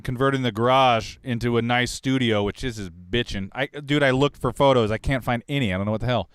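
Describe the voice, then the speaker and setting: Speaking a little fast with a clean, mid-range tone, this podcast host from Kansas leads a laid-back conversation about studio wiring. He rambles, chuckles, and keeps restarting his questions in this casual shop talk. No room sound is audible.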